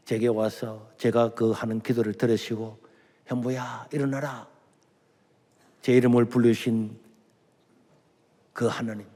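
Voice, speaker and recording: A male pastor, preaching a revival sermon built on personal testimony, dramatic and storytelling, sometimes dropping to a hush and sometimes rising loud. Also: medium pitch. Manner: dramatic storytelling, acting out quoted voices, swinging between hushed and loud. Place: large church sanctuary. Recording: long hall reverb in a large church.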